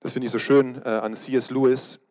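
A man's voice: mid-range voice, little pitch movement, brisk, darkish tone. Man preaching casually in an echoey hall. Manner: chatty, asks the audience direct questions. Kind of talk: casual youth sermon. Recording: reverberant hall, dull sound.

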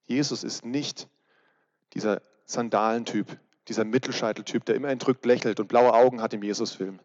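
A man's voice: mid-range voice, fairly even intonation, moderate pace, a little mellow. Man preaching casually in an echoey hall. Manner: chatty, asks the audience direct questions. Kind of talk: casual youth sermon. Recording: reverberant hall, dull sound.

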